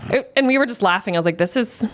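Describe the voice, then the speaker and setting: Woman in her 40s chatting on a show, animated, laughs a lot, mid-pitched. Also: very fast. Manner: animated, laughs often, acts out quotes. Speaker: guest, food stylist. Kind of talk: casual storytelling interview.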